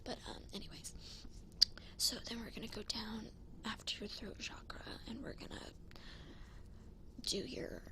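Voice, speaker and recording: A woman doing a fast-whispered ASMR role-play as a flaky, self-assured psychic, rambling in a breezy, informal way. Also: on the high side, little pitch movement. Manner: rambling, breezy, informal filler-heavy talk. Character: flaky, self-assured female psychic giving a cleansing session.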